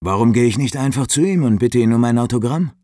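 A man's voice: mid-range voice, animated, fast, dark tone, dry recording, clean studio sound, voice pushed up, lightly acted. A man voicing a brash young man in an audiobook, blunt and ribbing his friend and sister.

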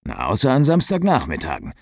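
A man's voice: lowish voice, wildly swooping pitch, a little fast, vocal fry, a little mellow, husky, dry recording, studio quality, full character voice. A man voicing a brash young man in an audiobook, blunt and ribbing his friend and sister.

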